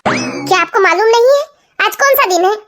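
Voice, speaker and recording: A woman's voice: extremely high pitch, animated, normal speed, fairly bright tone, soft background music. Woman as a chatty, sulky cartoon wife. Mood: indignant. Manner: chatty, talks to herself, sulky. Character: young wife, hopeful and sulky. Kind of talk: cartoon family comedy voice acting.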